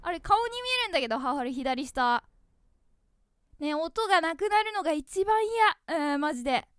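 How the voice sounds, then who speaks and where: A young woman giving animated, jumpy commentary as she plays a horror game, calling herself by name. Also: sits high, fairly quick, no room sound, studio quality. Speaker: game streamer.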